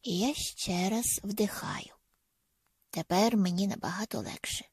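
A woman narrating a first-person audiobook in a soft, intimate manner that often drops to a half-whisper. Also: medium pitch, measured pace, husky, dry recording.

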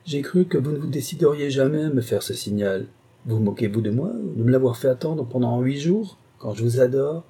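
A man reading an audiobook voices a hot-tempered, greedy older nobleman with a gruff, impatient, blustering manner. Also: medium pitch, lively intonation, fairly quick, dark tone, voice pushed up. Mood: grumpy.

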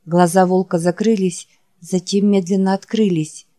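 A woman reading an audiobook in a measured, dramatic narration. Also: on the low side, steady tone, mellow. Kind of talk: scripted narration.

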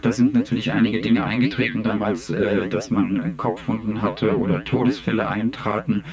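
A man playing an anonymous police union insider who speaks in a disguised deep voice, halting and full of hesitant fillers. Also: steady tone, creaky, over a noisy crowd. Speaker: police union member interviewed on radio. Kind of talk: satirical radio interview sketch.

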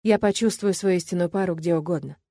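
A woman's voice: fairly low pitch, fast, mellow, no room sound. A woman voicing a confident, teasing male demon in a romance audiobook. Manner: teasing, sly.

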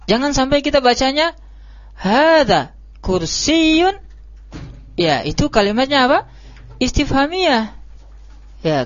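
A man teaching an Arabic lesson, repeating words slowly and drawing them out for his students. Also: high voice, no echo. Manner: slow, drawn-out repetition of words. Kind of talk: classroom lesson. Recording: dull lo-fi live stream audio.

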